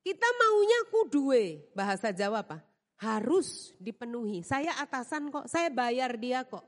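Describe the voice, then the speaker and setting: A woman's voice: a little high, measured pace. A woman preacher, giving a humorous sermon in a church, telling stories and laughing often. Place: church with balcony. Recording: long reverb of a church hall.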